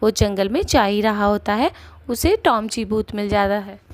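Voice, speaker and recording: A woman's voice: medium pitch, normal speed, dry recording. A woman giving plain scripted narration for a cartoon story.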